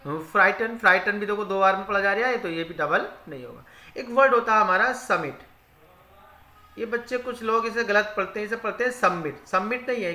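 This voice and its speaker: Bright-voiced teacher, echoey room. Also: male voice, high-pitched. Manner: asks rhetorical questions and answers them himself; repeats each English rule in Hindi. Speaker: English teacher. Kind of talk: spoken grammar lesson.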